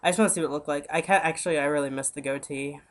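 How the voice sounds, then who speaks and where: A young man with a fairly high, steady voice records a casual vlog into his webcam at home, sounding congested and stuffy from a cold. He talks earnestly and personally but haltingly, often stopping and restarting, with plenty of "like" and "um" while he collects his thoughts.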